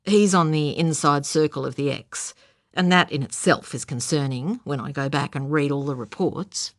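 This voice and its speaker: A woman voicing a blunt, steady male country policeman in an audiobook. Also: low voice, normal speed, no room sound, clean studio sound. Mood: serious.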